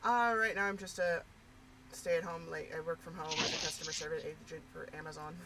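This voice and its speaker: A woman's voice: low-pitched, fairly even intonation, a little fast, fairly bright tone, slight background noise, poor audio. A woman chatting casually and candidly, rambling with lots of fillers. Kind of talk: casual personal chat.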